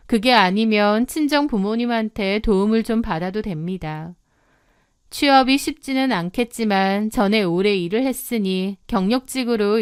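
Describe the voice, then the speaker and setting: A woman's voice: medium pitch, smooth, no room sound, studio quality. A woman reading a first-person confessional story aloud in a dramatic, scripted way, throwing herself into the quoted outbursts. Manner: dramatic confessional telling, bursting into loud acted shouts. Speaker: story narrator.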